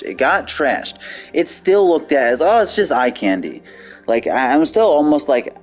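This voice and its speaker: A man's voice: mid-range voice, darkish tone. A man ranting on a live game stream, heated and profane, repeating himself as he argues. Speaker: gaming streamer.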